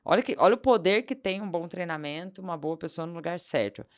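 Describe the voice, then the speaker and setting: A woman's voice: on the low side, quick pace. A woman, a podcast guest telling a story and acting out the lines of the people in it. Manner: animated anecdote-telling, acting out quoted dialogue. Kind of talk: storytelling in casual interview.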